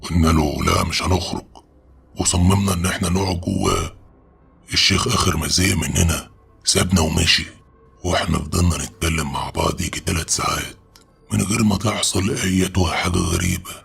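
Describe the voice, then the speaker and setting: A man's voice: low-pitched, fairly even intonation, a little fast, creaky, a bit bright, breathy edge, soft background music. A man with an Egyptian Arabic accent telling a first-person horror story in a casual, streetwise way.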